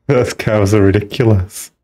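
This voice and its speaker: A man's voice: fairly low pitch, steady tone, slow, warm tone. A man giving casual, musing commentary while streaming a video game, talking half to himself as he tinkers with settings.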